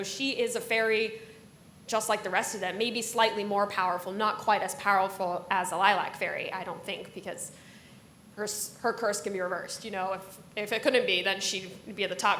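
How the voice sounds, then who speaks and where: A woman's voice: medium pitch, a bit bright. A woman ballet dancer in a conversational interview, telling a story with lots of fillers and animation. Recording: roomy with faint noise.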